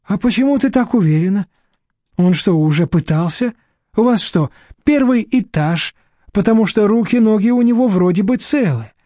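A man's voice: sits high, lively intonation, normal speed, warm tone, dry recording, studio quality, pitched above the performer's own voice. Bossy sardonic middle-aged woman, voiced by a male reader, audiobook. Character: brisk, sharp-tongued middle-aged woman.

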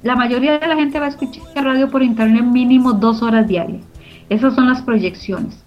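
Background music and muffled lo-fi audio accompany a middle-aged interviewee with a Costa Rican Spanish accent and a fairly high voice at normal speed. As co-founder of a community radio organization, she answers emphatically and earnestly, echoing phrases for emphasis.

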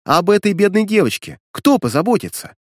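A man's voice: high voice, big pitch swings, a little fast, no room sound, studio quality, pitched above the performer's own voice, full character voice. A man reading an audiobook voices a sarcastic, mocking young woman student who scolds and teases the hero. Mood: scolding.

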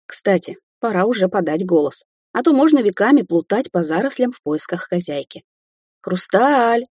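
Husky, dark-voiced woman narrator. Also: mid-range voice, sing-song, brisk, dry recording, studio quality. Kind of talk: audiobook narration.

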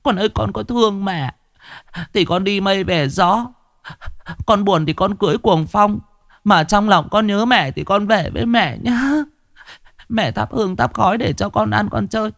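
A man's voice: high voice, animated, moderate pace, creaky, a bit bright, dry recording, studio quality, voice pushed up, exaggerated voice. A man voicing an older woman who grieves for her dead son in a tearful, wailing lament.

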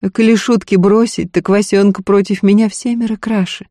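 A reader voicing a weary, sharp-tongued frontier wife in an audiobook, scolding and worried. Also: medium pitch, fairly even intonation, dry recording, clean studio sound, voice pushed up, close to an everyday voice. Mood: wry, bitter. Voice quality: scolding, quick to anger. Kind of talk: audiobook character voice.

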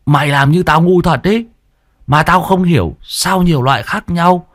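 A man's voice: on the high side, normal speed, voice pushed up, natural voice. A man voicing a chatty, stammering young male sidekick who whines a lot in a spoken ghost story. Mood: cheeky.

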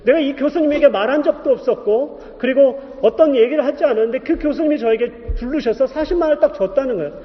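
A man in his thirties, a pastor preaching a testimony, telling his story in an animated way and acting out the voices in it. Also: extremely high pitch, quick pace, hardly any pauses. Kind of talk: sermon testimony. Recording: dull echoey hall recording.

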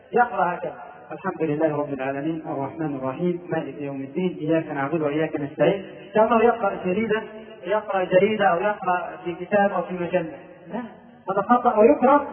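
An Egyptian man gives a religious lesson in a high voice, stopping to chant out drawn-out examples. He sounds far from the microphone in an echoing room. The old recording has a thin, phone-like tone. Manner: explains, then chants and drawls examples to demonstrate. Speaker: Islamic preacher. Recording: distant, echoey, phone-like old tape recording.

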